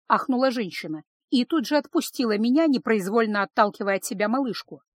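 A woman reading a fantasy audiobook in first person, with even, measured storytelling. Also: fairly high pitch, no room sound, studio quality. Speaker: audiobook narrator. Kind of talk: first-person scripted narration.

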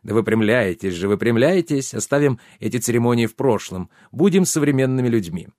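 A man's voice: medium pitch, expressive, brisk, darkish tone, dry recording, clean studio sound, close to an everyday voice. Man playing a gushing, sly plump baron. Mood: effusive. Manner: effusive, exclamatory, fawning.

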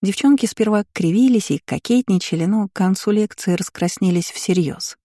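Woman reading a first-person story, mellow. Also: medium pitch, moderate pace, no echo, clean studio sound. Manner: expressive, acts out her own outbursts. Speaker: audiobook narrator. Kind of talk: first-person audiobook narration.

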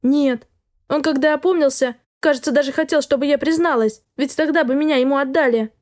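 A woman's voice: sits high, fairly quick, darkish tone, dry recording, clean studio sound, pitched above the performer's own voice, close to an everyday voice. A woman reading an audiobook, voicing a frightened, desperate young female student who speaks through sobs and pleads. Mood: pleading. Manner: sobbing, pleading, breathless. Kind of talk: audiobook dialogue.

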